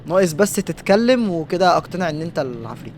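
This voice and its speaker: A man's voice: fairly high pitch, big pitch swings, fast talker, a little hiss or hum. A man with an Egyptian Arabic accent commenting on a horror game as he plays, joking and talking back at the characters on screen. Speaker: let's play gamer.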